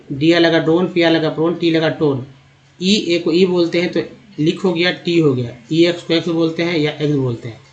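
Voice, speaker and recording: A man with a fairly high voice teaches English reading over slides. He breaks each word into its parts and repeats the syllables one by one. The recording sounds dull and lo-fi. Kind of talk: slide-based spelling lesson.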